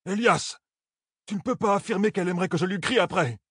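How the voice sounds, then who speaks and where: A man's voice: on the high side, lively intonation, moderate pace, darkish tone, slightly rough, dry recording, clean studio sound, voice pushed up. A man voicing an earnest young man who protests with indignation. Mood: indignant.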